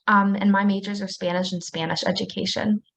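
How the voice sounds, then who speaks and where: A woman in her twenties, a student panelist on a video call, introducing herself in an upbeat, clear way. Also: mid-range voice, fairly even intonation, a little fast, a bit bright.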